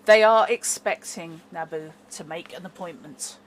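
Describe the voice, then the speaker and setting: A woman's voice: fairly low pitch, moderate pace, poor audio. A woman acting as game master, narrating and chatting casually in a tabletop game on an online call. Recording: faint background noise.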